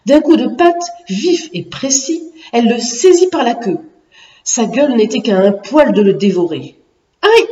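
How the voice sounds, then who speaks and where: A woman narrating a children's storybook in an expressive, lively storytelling manner. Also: a little high. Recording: echoey room, distant muffled mic.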